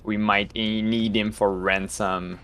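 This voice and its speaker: A man's voice: on the low side, little pitch movement, slow, a bit bright, soft background music. A man chatting casually as a player in a tabletop roleplaying game, with non-native English phrasing.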